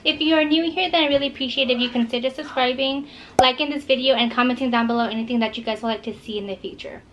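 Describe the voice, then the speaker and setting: Upbeat woman vlogger, slightly high voice. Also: fairly even intonation, fast talker, a bit bright, muffled recording, slight background noise. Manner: upbeat, chatty, playful with a child. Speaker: vlogger hosting a mukbang. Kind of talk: casual chat to camera.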